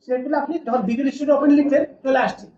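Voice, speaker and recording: A woman's voice: sits high, steady tone, racing, dark tone, slight background noise. A woman teaching a classroom lesson, often asking the class a question and then answering it herself. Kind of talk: classroom lecture. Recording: distant, dull, roomy classroom recording.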